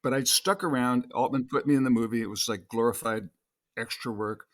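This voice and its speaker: A man's voice: medium pitch, brisk. An older man, an actor and podcast guest, telling long anecdotes in a casual interview with many restarts.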